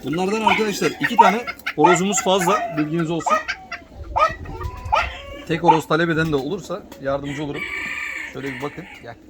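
A man vlogging as a poultry hobbyist, chatting to viewers and softly coaxing his birds to come and calm down. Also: a little high, a little fast, long pauses. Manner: coaxes birds with soft repeated calls; lively, chatty, addresses viewers directly. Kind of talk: casual vlog, unboxing birds for viewers. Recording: loud background noise with clucking chickens.

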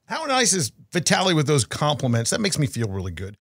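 A man hosting a podcast, chatting with his guest in a friendly, brisk way. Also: a little high, wildly swooping pitch, a bit bright, slightly rough. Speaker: podcast host. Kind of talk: casual interview.

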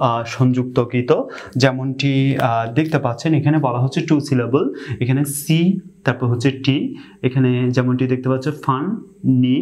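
Patient man teaching with slow repeats. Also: mid-range voice, a little mellow. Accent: Bangladeshi. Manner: repetitive, fills pauses with "ah", repeats example words slowly. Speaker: English pronunciation teacher. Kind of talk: explanatory online lesson.

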